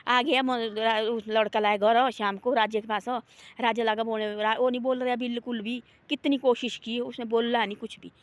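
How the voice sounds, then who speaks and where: A woman's voice: a little high, level tone, moderate pace, no echo. A woman telling a moral folk tale in a rambling, folksy way, restarting often and repeating her tags meaning "he said". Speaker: storyteller. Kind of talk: oral moral storytelling.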